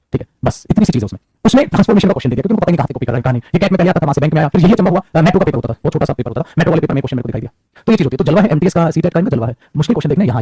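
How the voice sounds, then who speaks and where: A male teacher giving an animated grammar lecture to students, talking fast and calling them beta. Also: a little high, breathy edge, no room sound.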